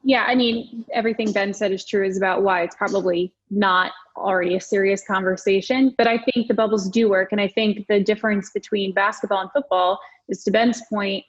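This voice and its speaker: A woman's voice: medium pitch, fairly even intonation, a little fast, few pauses, dull audio. A woman talking sports as a podcast guest, explaining her points in an orderly way. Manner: clear, organized explanations. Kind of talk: sports talk.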